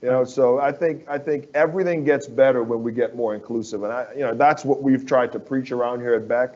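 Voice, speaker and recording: A man's voice: mid-range voice, fairly quick, darkish tone, dull audio. A man from the Bahamas, a construction firm executive, speaking as an interview guest in an earnest, persuasive way that repeats phrases for emphasis.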